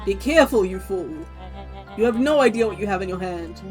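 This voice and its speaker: A woman's voice: mid-range voice, fast, close to an everyday voice. Game villain played by a woman: boy-bodied mastermind, pompous, condescending, theatrical monologues, light music beneath. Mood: cold, menacing. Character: pompous, scheming villain mastermind in a boy's body. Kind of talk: dramatic read-aloud of game dialogue.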